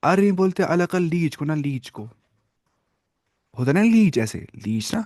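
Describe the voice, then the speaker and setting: A man's voice: a little high, sing-song, a little mellow, no room sound, clean studio sound. A man teaching a religious lesson, asking his listeners questions and repeating key terms as he explains them. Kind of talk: classroom lesson on hadith.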